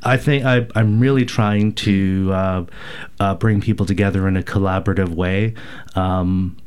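A man's voice: sits low, fairly even intonation, normal speed, a little mellow, clean tone. A man from rural Alberta in Canada, getting over a cold, giving thoughtful, hesitant answers full of fillers as a guest on a community radio show. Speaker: radio station board president, guest. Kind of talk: casual radio interview answers.

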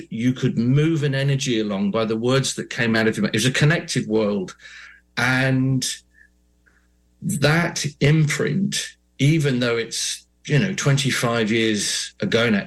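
A British man in his forties, an oral storyteller talking reflectively and eloquently in an interview, in unhurried poetic phrases. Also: medium pitch. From Britain. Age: 40s.

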